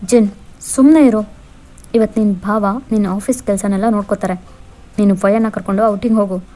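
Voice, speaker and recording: Woman doing a big sister who bosses the family around kindly, firm and fond, mellow voice. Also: mid-range voice, fairly even intonation, brisk, natural voice. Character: caring, commanding older sister.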